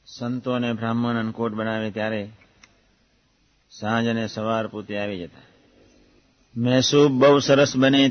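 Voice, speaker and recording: A man speaks in a measured, reflective way, giving a devotional discourse. His voice sits at a middle pitch. The recording is dull and muffled. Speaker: religious speaker recounting a guru's teachings.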